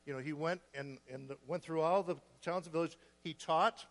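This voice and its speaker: A man preaching a sermon, earnest and a bit short of breath, restarting phrases and clearing his throat. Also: a little high, moderate pace, big-room sound. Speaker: guest preacher.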